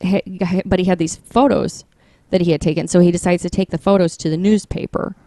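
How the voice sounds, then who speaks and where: Female storyteller co-host, relaxed and chatty, low warm voice, dry close mic. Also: fairly quick, no echo. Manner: retells the story with fillers and restarts, laughs at her co-host. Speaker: podcast co-host telling the story. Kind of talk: casual storytelling chat.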